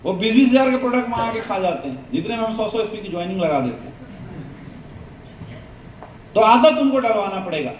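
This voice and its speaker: Speaking in a high register, this man runs a sales training session as a motivational seminar, quizzing listeners through call-and-response. He's brisk and highly animated, stopping often, and the distant mic in the reverberant hall adds slight hiss.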